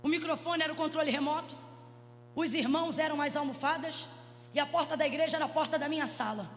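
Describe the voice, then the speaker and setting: High-voiced Brazilian woman preaching. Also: steady tone, fast. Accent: Brazilian Portuguese. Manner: dramatic storytelling, swings from hushed to shouting. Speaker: pastor. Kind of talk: Pentecostal sermon. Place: large church hall. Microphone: handheld microphone. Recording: reverberant church hall with music.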